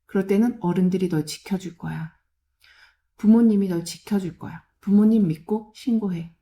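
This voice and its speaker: Warm-toned woman giving firm advice. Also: mid-range voice, moderate pace. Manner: firm, caring, speaks plainly to children in short commands. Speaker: child counselor giving advice. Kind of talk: direct advice talk to children and parents.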